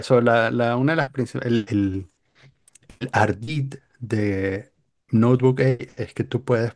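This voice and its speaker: A young man in casual chat, telling a story in an animated, exaggerated way. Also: mid-range voice. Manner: animated, hyperbolic storytelling with mock voices.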